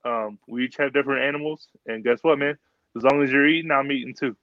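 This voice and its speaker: A man's voice: mid-range voice, fairly even intonation, fast talker, no echo. An emphatic man chatting on a casual podcast, hammering his points by repeating them. His voice comes through a dull, lo-fi line with no room sound around it. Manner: emphatic, repeats himself for stress. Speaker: podcast co-host. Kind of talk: casual chat.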